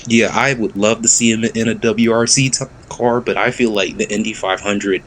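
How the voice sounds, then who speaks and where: A young man co-hosting a casual chat, excitable and quick to laugh, swearing freely and slipping into mock voices. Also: lowish voice, slight background noise. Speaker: podcast co-host.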